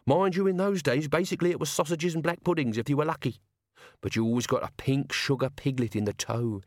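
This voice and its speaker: A man's voice: fairly high pitch, fairly quick, dry recording, clean studio sound, pitched above the performer's own voice, natural voice. A man voicing a crabby, coarse old male servant with blunt, slangy talk. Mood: reminiscing.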